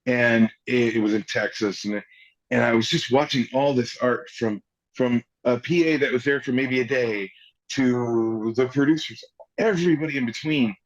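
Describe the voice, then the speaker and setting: A man's voice: medium pitch, normal speed. A man in his forties, an actor guest, telling anecdotes casually and acting out the people in them. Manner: animated storyteller who acts out the people he quotes. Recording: slightly dull lo-fi audio.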